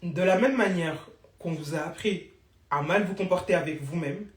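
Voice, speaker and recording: A woman's voice: on the low side, moderate pace. Blunt teasing woman coach, echoey. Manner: blunt, teasing, sprinkles English phrases. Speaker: business coach for beauty entrepreneurs. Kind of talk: live-stream coaching talk.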